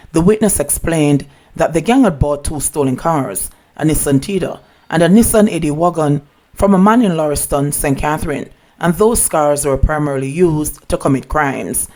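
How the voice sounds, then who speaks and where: Higher-pitched male news narrator. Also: normal speed, darkish tone.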